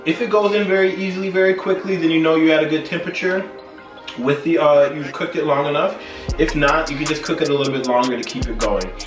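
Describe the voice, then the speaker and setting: A man's voice: fairly high pitch, fast. A man chatting casually as host of a cooking video, tipsy and rambling, often losing his train of thought. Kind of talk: casual cooking vlog chat. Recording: roomy echo, distant mic, faint music.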